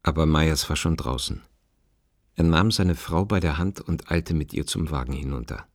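A man narrating a radio drama in a calm, even manner. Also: very deep voice, moderate pace, no room sound, studio quality.

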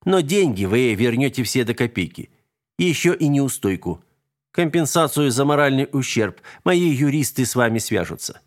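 A man voicing a pompous, indignant middle-aged boss in an audiobook, his voice shrill and outraged. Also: animated, normal speed, natural voice.

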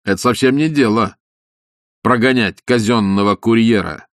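A man's voice: lowish voice, normal speed, no echo, clean studio sound, natural voice. A man doing a stern, cocky swindler. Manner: curt, stern, commanding.

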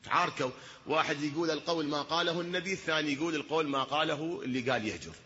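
Iraqi preacher with a sharp, forceful voice. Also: male voice, a little high, very fast, slight background noise. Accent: Iraqi Arabic. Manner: rhetorical questions, swings from hushed to shouting. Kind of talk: sermon. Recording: dull lo-fi recording.

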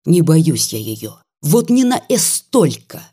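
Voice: mid-range voice, big pitch swings, slow pace, dark tone, full character voice. A reader doing a defiant crippled peasant lad. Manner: rough rustic speech, bold and scornful. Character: crippled young peasant man, bitter and defiant. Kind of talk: audiobook reading.

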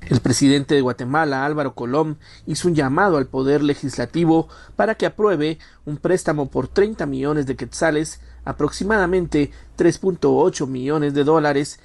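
A man's voice: on the high side, normal speed, creaky, hardly any pauses, darkish tone. A man delivering a formal news report as a radio correspondent.

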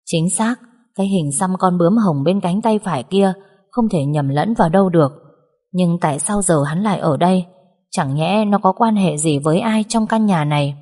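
Low husky woman reading a sad tale slowly, lots of reverb. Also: mellow. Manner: slow, mournful storytelling. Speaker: narrator. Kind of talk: scripted narration of a sad story. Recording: long hall reverb.

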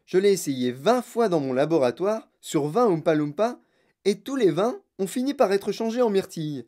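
A woman's voice: mid-range voice, expressive, moderate pace, warm tone, lightly acted. A woman voicing a fretful, eccentric candy maker who pleads and sighs, in a storybook reading. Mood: rueful. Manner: anxious, pleading, then sighing sadly.

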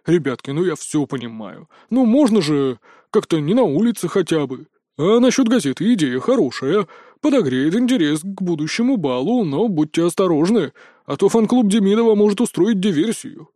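A man's voice: sits high, very animated, normal speed, mellow, no room sound, studio quality. A man voicing a fat, fussy arctic fox who works as a school inspector and grumbles as he scolds the students. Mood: grumbling.

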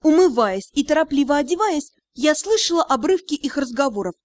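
A woman narrating an audiobook in the first person, with a lively, expressive reading. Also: high voice, a little fast, no room sound.

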